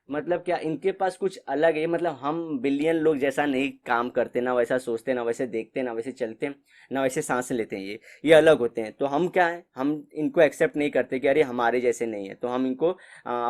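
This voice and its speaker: Teaching a class conversationally, this man has a medium-pitched voice with a darkish tone. He often says "ठीक है" and weaves English phrases into what he explains.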